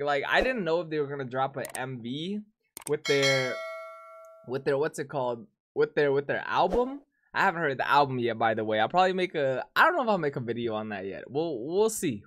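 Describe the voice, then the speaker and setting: Young man with a rough morning voice. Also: fairly high pitch, a bit bright. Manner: slangy, rambling, repeats himself. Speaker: reaction video host. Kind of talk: casual reaction vlog chat.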